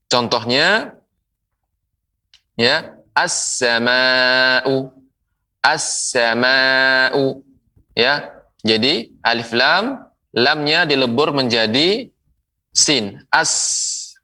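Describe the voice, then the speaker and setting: A man teaching a televised Quran reading lesson, patiently explaining and drawing out each example word slowly, with repeated examples for viewers. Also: mid-range voice, pushed and bright, far from the mic. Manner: slow, drawn-out recitation of example words, repeated for listeners; patient, explanatory, asks the audience questions and answers them.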